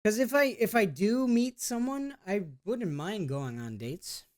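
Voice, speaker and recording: Reading out test questions and answering them in a casual vlog, a male YouTuber rambles and hesitates in laid-back slang, often restarting and trailing off. He speaks in a high voice with lively intonation, at a slightly slow pace.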